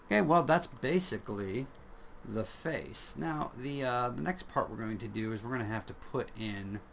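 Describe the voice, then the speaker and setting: A man's voice: mid-range voice, normal speed, creaky, noisy background. A man casually narrating a drawing tutorial, rambling and joking at his own expense. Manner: rambling, jokey, self-deprecating, chuckles often.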